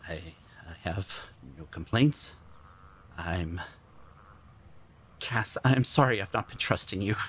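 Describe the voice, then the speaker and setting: A man's voice: low-pitched, slow, long pauses, fairly bright tone, husky, exaggerated voice. A man voicing a stammering, apologetic, loyal companion in an audio drama. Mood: soft, tender.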